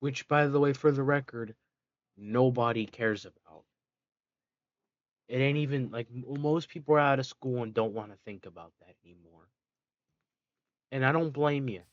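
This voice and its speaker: A man's voice: mid-range voice, normal speed, long pauses, no echo, muffled recording. A man giving casual gameplay commentary, rambling, correcting himself mid-sentence and dropping sarcastic asides. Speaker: let's play gamer.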